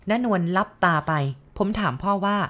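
Calm woman reading a ghost story. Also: moderate pace. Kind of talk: scripted ghost story narration.

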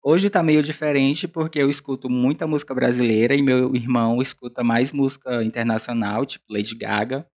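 A Brazilian man with a hoarse smoker's rasp, hosting a solo podcast in a casual, rambling, self-deprecating, confessional way. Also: medium pitch, fairly even intonation, brisk, few pauses, a little mellow. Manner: self-deprecating, chatty, digressive.

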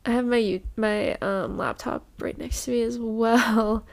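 Young woman, podcast host, congested, casual rambling chat, fairly high voice, frequent ums. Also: steady tone, measured pace, gravelly. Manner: rambling, many ums, apologetic asides.

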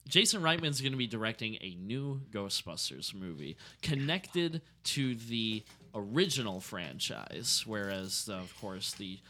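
A man's voice: fairly low pitch, sing-song, a little slow, hardly any pauses, sharp tone, a little hiss or hum. A man co-hosting a podcast, chatting casually and relaying movie news with an easygoing manner. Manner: easygoing, laughs, stumbles over names. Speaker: podcast co-host. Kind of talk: casual chat, reading news.

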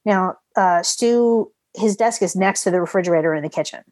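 A woman telling a rambling, animated story in casual chat, swearing freely. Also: on the low side, moderate pace, no echo.

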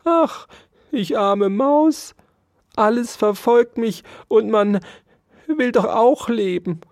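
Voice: medium pitch, slow, darkish tone, no room sound, studio quality, voice pushed up. Mariechen, a wailing little field mouse. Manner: wailing, pleading and self-pitying. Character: poor whining female field mouse.

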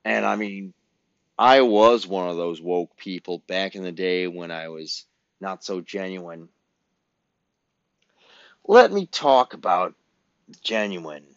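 A man's voice: low-pitched, expressive, slow pace, pauses often, no room sound. A man, ranting bluntly and profanely as a podcast host. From Illinois, US Midwest. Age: 50s. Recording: dull, dry lo-fi recording.

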